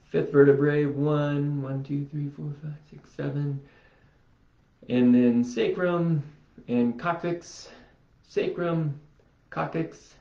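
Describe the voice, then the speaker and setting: A man vlogging casually as he demonstrates a self-healing routine, rambling and talking to himself as he goes. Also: medium pitch. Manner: unhurried, rambling, talks to himself. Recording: roomy, dull lo-fi sound.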